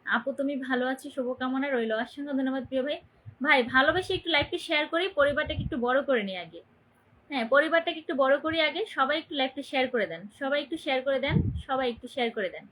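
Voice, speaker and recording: A young woman in Barisal, Bangladesh, hosts a casual phone livestream in a high-pitched, slightly bright voice, speaking rapid-fire. Though the audio is poor, she can be heard greeting viewers by name and cheerfully urging comments and shares.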